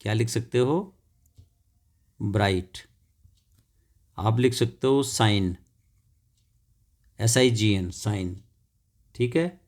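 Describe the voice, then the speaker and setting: A man's voice: lowish voice, slow, long pauses, darkish tone. A man teaching an English lesson, spelling words out letter by letter and checking in with students after each point. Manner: repeats words and adds "theek hai" checks. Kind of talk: classroom lesson explanation.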